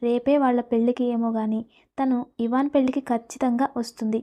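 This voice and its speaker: A woman's voice: on the high side, fairly even intonation, brisk, dark tone, natural voice. A woman voicing a humble middle-aged mother who speaks hesitantly and politely.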